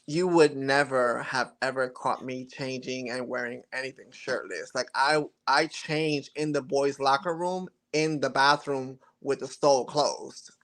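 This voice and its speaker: A man in his forties with a mid-range, slightly bright voice speaks a little slowly, with hardly any pauses. He's a model being interviewed as a guest, talking earnestly and reflectively about his journey in casual chat, with occasional laughs and restarts.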